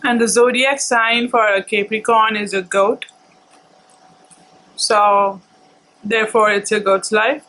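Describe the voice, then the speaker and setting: A woman vlogger telling personal stories casually, in a halting, reflective, unhurried way. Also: mid-range voice, steady tone, fairly bright tone, rough recording.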